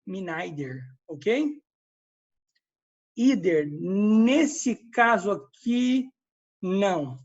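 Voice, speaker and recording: Brazilian-Portuguese-speaking man teaching English slowly. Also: high-pitched, lively intonation, dull audio. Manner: explains step by step, checks in with students. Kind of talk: recorded class review lesson.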